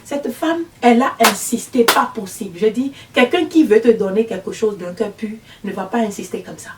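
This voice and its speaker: A woman preaching a testimony sermon as a visionary, telling her story in an emphatic, animated way. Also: a little high, normal speed, very noisy. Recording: roomy, mic far away.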